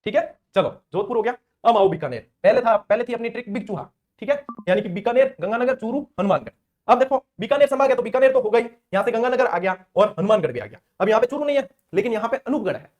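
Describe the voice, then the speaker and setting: Fast-talking high-voiced teacher. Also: male voice, lively intonation, darkish tone. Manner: chatty, playful, acts out little scenes and chants rhymes. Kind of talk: exam-prep lesson with memory tricks.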